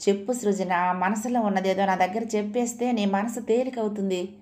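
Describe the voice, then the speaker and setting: A woman narrator gives voice to a caring friend in an audio novel, soft and unhurried, comforting with light warmth. Her voice sits at a middling pitch. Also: fairly even intonation, lightly acted. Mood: gentle.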